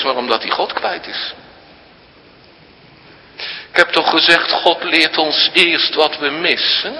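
Bright, lively preacher in echoing church. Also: male voice, fairly high pitch. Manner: emphatic, many rhetorical questions. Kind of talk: sermon. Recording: long church reverb.

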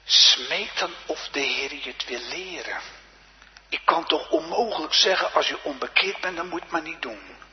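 A man's voice: a little high, animated, moderate pace. Dramatic male preacher in an echoing church. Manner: swings from loud emphatic preaching to hushed whispers. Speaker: pastor. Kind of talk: sermon. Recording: dull lo-fi church recording with long reverb.

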